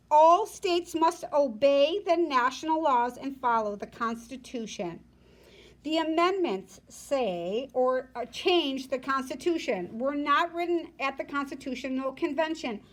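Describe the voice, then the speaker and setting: A woman teacher reading a textbook aloud to her class and explaining it in plain, simple words as she goes. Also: high-pitched. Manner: explanatory, breaks down points for students in plain words. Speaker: school teacher.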